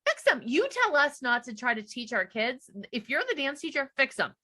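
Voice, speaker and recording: A middle-aged woman co-hosting a podcast, chatting casually and acting out quotes with quick reactions. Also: sits high, big pitch swings, pushed and bright. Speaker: podcast co-host. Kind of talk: casual chat recapping a reality show.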